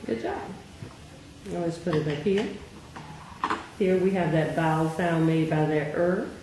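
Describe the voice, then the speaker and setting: Patient woman tutor in echoey room. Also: low voice. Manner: patient, encouraging, slow questioning prompts. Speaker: reading tutor. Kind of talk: one-on-one phonics tutoring. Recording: very echoey room, faint noise.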